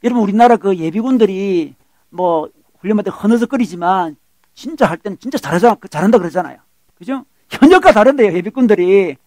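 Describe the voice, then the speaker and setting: A middle-aged male pastor preaching a sermon in Korean, animated, acting out quoted lines and checking in with the congregation. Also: high-pitched, brisk, dry recording.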